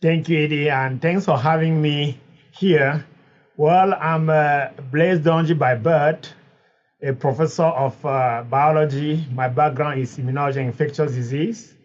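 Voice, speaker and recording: A man's voice: fairly high pitch, steady tone, measured pace. A middle-aged man from Cameroon, earnestly telling his story as a podcast guest. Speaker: podcast guest, biology professor. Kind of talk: interview answers. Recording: dull lo-fi sound.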